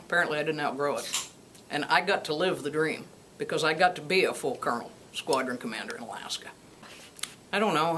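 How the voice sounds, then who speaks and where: A woman in her sixties, a retired Air Force colonel, telling her life story in a lively way, laughing often. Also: deep voice, a little hiss or hum. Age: 60s. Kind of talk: personal storytelling interview.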